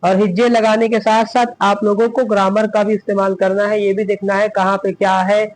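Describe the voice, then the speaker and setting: A man's voice: high voice, little pitch movement, fairly quick, rough recording. A man teaching Quran reading, spelling out letters step by step and asking and answering his own questions. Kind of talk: step-by-step recitation lesson.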